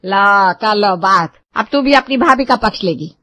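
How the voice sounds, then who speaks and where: A woman voicing a sharp-tongued traditional mother-in-law who scolds loudly in a cartoon story. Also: animated, a little slow, no echo. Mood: bossy. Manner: scolding, shrill and loud. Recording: dull lo-fi dry recording.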